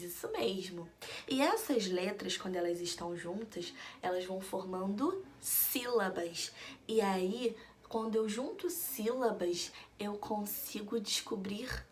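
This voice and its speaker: Slow, sing-song woman teaching children. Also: mid-range voice, slight background noise. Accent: Brazilian Portuguese. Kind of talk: children's reading lesson.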